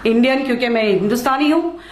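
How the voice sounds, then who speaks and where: A lawyer from Maharashtra, India, gives a speech at a function, mixing Hindi with English phrases and repeating lines for emphasis. Her voice is a little high, she talks fast, and the room is echoey.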